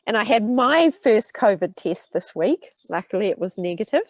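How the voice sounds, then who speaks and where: A New Zealand woman in her thirties, an urban health researcher, speaks to students at normal speed in a very animated, mid-range voice with no echo. Congested from a cold and stuffy-nosed, she explains warmly, with lots of ums and restarts.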